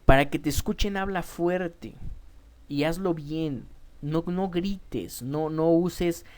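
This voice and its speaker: A woman with a Mexican Spanish accent leads a public speaking lesson as a teacher. Her voice sits low and sounds mellow and relaxed. She speaks emphatically to her students, often repeating a word as she restarts. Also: slow pace.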